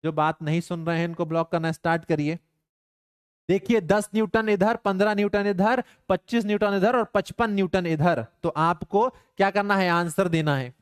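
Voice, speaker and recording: A man's voice: high voice, fairly even intonation, normal speed, clean tone, no echo, clean studio sound. A young man teaching physics in a live online class, mixing stern banter with his students into worked problems. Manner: playful, scolding students in banter.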